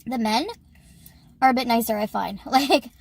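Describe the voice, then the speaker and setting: A woman's voice: on the high side, moderate pace, gravelly, slightly rough. A woman chatting casually in an eating vlog, telling a story and giggling often as she talks. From Canada. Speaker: YouTuber.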